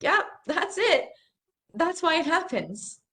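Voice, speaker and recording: A woman's voice: very high-pitched, very animated, slow pace, sharp tone, full character voice. A young woman acting an earnest, bookish stargazer in a stage play reading, a little apologetic as she explains things. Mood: explaining. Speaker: actor in a rehearsed play reading.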